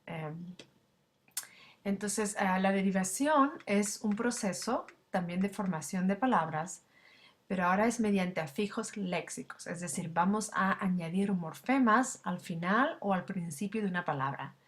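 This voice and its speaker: A woman's voice: mid-range voice, a little slow. A woman language instructor giving a recorded slide lecture, explaining step by step with frequent fillers and tag questions.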